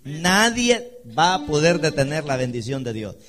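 A man preaching a sermon as a pastor, emphatic and rising loud when he quotes scripture. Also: fairly high pitch, sing-song, measured pace, a crowd in the background.

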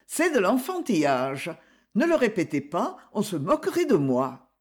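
Woman reader as polite, erudite gentleman; slow and lilting. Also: mid-range voice, wildly swooping pitch, slightly rough, heavily acted. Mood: courteous. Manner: polite, gently self-deprecating. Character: refined erudite male collector, courteous. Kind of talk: audiobook character reading.

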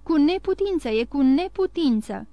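A woman's voice: sits high, lively intonation, no room sound, lo-fi sound. A woman voicing a distraught older merchant father who questions in bewildered disbelief. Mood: disbelieving.

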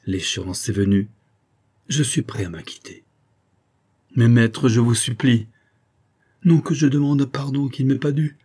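A man's voice: fairly low pitch, dark tone, slightly rough. A man voicing a devoted male assistant who confesses to a murder in a fervent, pleading way, in a storybook reading.

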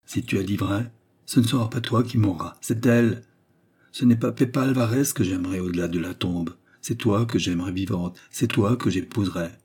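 A man reading the part of a nobleman torn between rage and icy calm, in an intense, declamatory way. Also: lowish voice, moderate pace, husky. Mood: raging vow. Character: enraged cold-blooded male nobleman.

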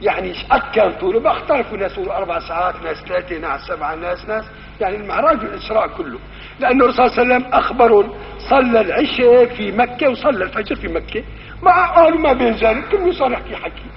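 A man's voice: high voice, expressive, very fast, a little hiss or hum. A man with a Syrian Arabic accent teaching a religious lesson, telling stories and acting out the dialogue in shifting voices. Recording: muffled old recording in a reverberant hall.

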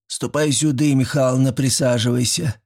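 A man's voice: mid-range voice, steady tone, moderate pace, creaky, darkish tone, slightly rough, pitched above the performer's own voice. A man voicing a fussy, chatty old village woman who talks in a folksy way. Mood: fussing. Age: older.

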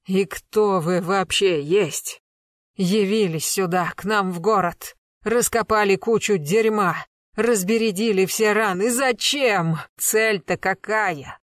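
A reader voicing a cornered middle-aged man accused of murder, pleading and shouting denials in an audiobook. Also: medium pitch, takes it slowly, dry recording, studio quality, pitched above the performer's own voice, lightly acted. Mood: bitter. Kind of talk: audiobook character reading.

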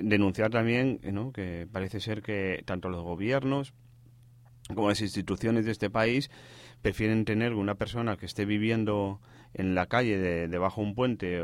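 A man's voice: fairly low pitch, dry recording. A man answering as an activist guest in a radio interview. He halts often, restarting and correcting himself as he talks. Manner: halting, many restarts and self-corrections.

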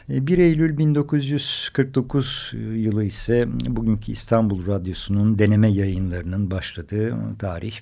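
Low, creaky-voiced male radio host. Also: darkish tone. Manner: halting, hesitant phrasing. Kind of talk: semi-scripted radio narration.

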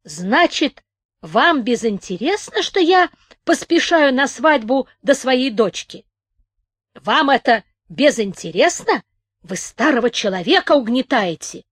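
A stubborn old village man , as a woman reader puts him on, bickers and wheedles in rustic speech. The voice pushes up high and loud against her usual reading. It is recorded dry and close for an audiobook. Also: sing-song, a little slow, no echo, heavily acted. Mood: sly, threatening. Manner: grumbling, quarrelsome, rustic speech.

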